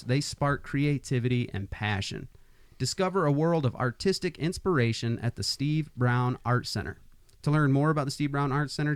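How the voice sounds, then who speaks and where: A man's voice: medium pitch, clean tone, no room sound. A man in his forties from Iowa hosting a podcast, upbeat in his intros and chatty with lots of restarts. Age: 40s. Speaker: podcast host. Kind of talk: casual podcast interview.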